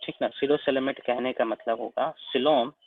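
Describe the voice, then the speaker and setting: Standing at a whiteboard, a man with an Indian accent teaches biology slowly and repetitively, step by step, checking in with students again and again through "है ना?". He holds a steady, medium pitch, and the sound is tinny and phone-like, and dry.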